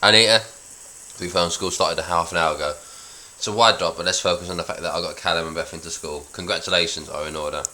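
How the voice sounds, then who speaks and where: A flippant, careless middle-aged dad from a comedy script, read by a man in nearly his own voice. The voice is extremely deep but bright and forceful. Every line comes out cocky and brash. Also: steady tone, fast.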